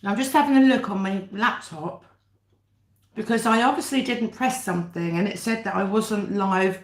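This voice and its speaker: A woman's voice: mid-range voice, moderate pace. A woman with a British accent hosting a casual livestream, chatting to viewers while eating her dinner mukbang-style. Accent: British English. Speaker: livestream host. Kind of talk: casual live chat over a meal. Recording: echoey room.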